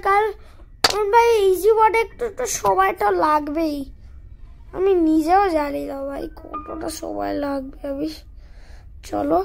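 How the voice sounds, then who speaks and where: A woman with a strikingly high voice talks through a game in loose, casual commentary. She chats to her viewers and keeps teasing and calling out to the villain on screen, with faint music behind her. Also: creaky. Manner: chatty, taunts and calls out to the game villain. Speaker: gaming channel host.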